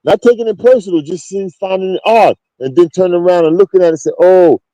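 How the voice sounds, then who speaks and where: Blunt New York man, dark dry voice. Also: high voice, fast talker, no echo, poor audio. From Queens, New York. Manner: blunt, slangy, emphatic. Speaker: interview guest. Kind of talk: casual street storytelling.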